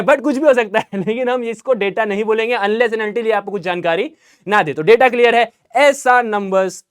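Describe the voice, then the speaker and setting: Young Indian male maths tutor, high and crisp, energetic and chatty, online revision lesson. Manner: energetic, chatty, repeats key questions and answers them himself. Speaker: maths teacher.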